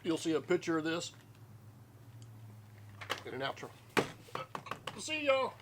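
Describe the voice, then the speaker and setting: A man's voice: a little high, sing-song, takes it slowly. A middle-aged man with a Southern US accent hosts a casual snack tasting, chatting in a folksy way as he crunches and chews. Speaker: host of a family snack taste-test video. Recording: noticeable background noise.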